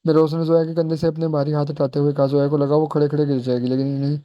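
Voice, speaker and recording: A man narrating a romance novel aloud in a steady storytelling way. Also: on the high side, fast talker, muffled recording. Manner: steady storytelling, with small restarts.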